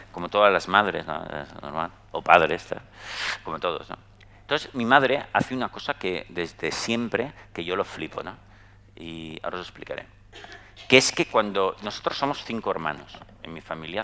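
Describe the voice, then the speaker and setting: Lively man from Spain telling anecdotes. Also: low-pitched. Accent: Spanish, from Spain. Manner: conversational, tag questions, lively storytelling. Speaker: psychologist giving a talk. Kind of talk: anecdotal talk to a live audience.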